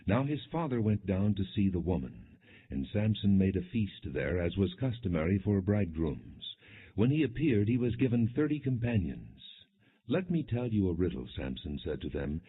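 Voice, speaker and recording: In a scripted audiobook, a man narrates scripture with measured, expressive delivery. His voice is low and husky, and the audio is slightly muffled.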